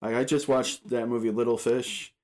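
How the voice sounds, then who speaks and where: A man's voice: mid-range voice, flat delivery, moderate pace, a little mellow. A man co-hosting a podcast, chatting casually about a film, laid-back and agreeable, laughing often. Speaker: podcast co-host. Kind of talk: casual movie review chat.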